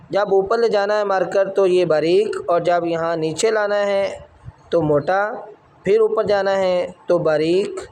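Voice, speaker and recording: A man's voice: high-pitched, a little mellow, a little hiss or hum. A man teaching a calligraphy lesson, patiently explaining each stroke as he writes. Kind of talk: step-by-step writing lesson.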